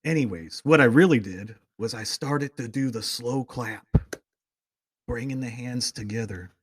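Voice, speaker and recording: A man's voice: mid-range voice, a little slow, slightly rough, no echo, studio quality. Rambling, enthusiastic male talk show host. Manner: rambling storyteller, goes off on tangents; enthusiastic, gushing fan. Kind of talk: casual chat.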